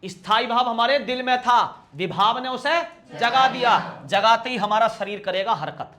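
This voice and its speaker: Young male tutor, high and bright, teasing exam-prep style, acts out examples. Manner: lively, teasing, asks students questions and answers himself; acts out little everyday scenes in quick shifts of voice. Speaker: teacher. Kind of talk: exam-prep grammar lesson.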